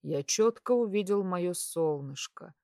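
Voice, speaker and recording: An audiobook narrator with a fairly low voice reads a scripted first-person story calmly and with measured pacing. The studio-quality recording is dry.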